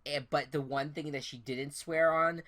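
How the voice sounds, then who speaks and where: A man's voice: a little high, moderate pace. A young man co-hosting a podcast, recapping events in a loose, rambling way with lots of restarts and self-corrections. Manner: animated retelling that acts out quotes. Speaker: podcast co-host. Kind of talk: casual TV show recap.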